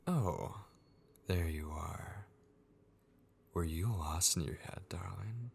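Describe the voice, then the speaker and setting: In an ASMR horror roleplay, a man plays a sinister, possessive figure taunting a captive vampire, coaxing slowly with mocking tenderness. His deep, husky voice has a darkish tone and often sinks into a whisper. It's a fully committed character voice in an intimate, dramatic monologue.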